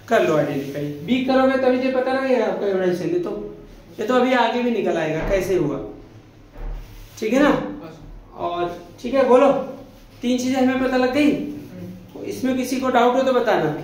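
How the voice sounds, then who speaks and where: A man's voice: extremely high pitch, animated, moderate pace, pauses often, a little mellow. A male chemistry teacher giving a classroom lecture, asking the students questions and answering them himself, affectionately calling them "beta". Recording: echoey classroom.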